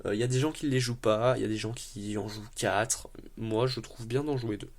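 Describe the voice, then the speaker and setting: A man with a medium-pitched voice and moderate pace casually presents a card game deck. He goes card by card, paraphrasing the rules text and adding easygoing, lightly self-mocking asides.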